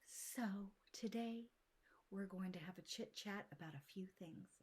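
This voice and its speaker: A woman teaching an art lesson in a slow, soothing manner, drawing out her words and often dropping into soft breathy whispers. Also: medium pitch. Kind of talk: slow, calm lesson talk to children.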